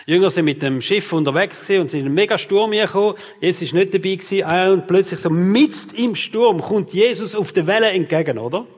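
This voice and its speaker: A pastor in his 40s preaches a sermon straight to his listeners, often ending sentences with "oder?". His high-pitched voice moves quickly with hardly any pauses, and the sound is that of a big room.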